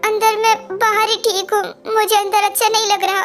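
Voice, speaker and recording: बहुत ऊँची आवाज़ में एक आहत, नाराज़ युवा अनाथ लड़की, जिसे एक महिला बोलती है। उसके स्वर में दुख और शिकायत है। पीछे धीमा संगीत चलता है।. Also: female voice, very high voice, little pitch movement, normal speed, a bit bright, faint music behind. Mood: resentful. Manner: hurt, resentful. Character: hurt young orphan woman, girlfriend. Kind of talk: amateur fan dub.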